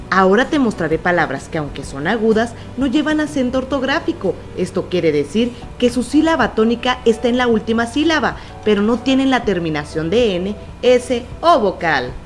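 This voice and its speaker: Woman teacher, lively pitch, scripted kids' lesson, stretches example words. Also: moderate pace, faint music behind.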